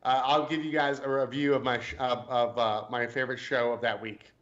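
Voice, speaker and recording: A man's voice: medium pitch, level tone, fairly quick, a bit bright, lo-fi sound. A man co-hosting a casual sports podcast, hesitant and joking, often restarting his sentences. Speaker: podcast co-host.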